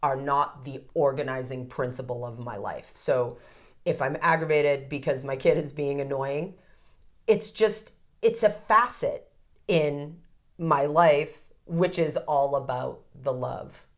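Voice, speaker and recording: A woman's voice: extremely low pitch, slow. A woman in her thirties, a codependency counselor, talking candidly as an interview guest and swearing now and then. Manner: candid, animated, swears freely. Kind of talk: casual interview talk.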